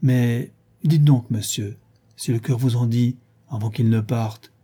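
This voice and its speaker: A man's voice: mid-range voice, fairly even intonation, measured pace, warm tone, slightly rough. A man voicing a nosy, self-important old male porter who talks in a prim, fussy way. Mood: gossipy. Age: older.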